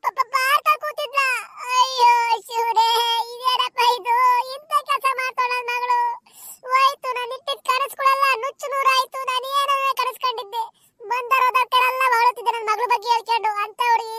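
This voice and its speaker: A very high, bright, squeaky village mother laments and curses with melodramatic flair, as a woman acts her out for a cartoon. She is loud in her grief and quick to blame. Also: flat delivery, dry recording, studio quality, faint music behind. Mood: wailing. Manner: melodramatic wailing and cursing.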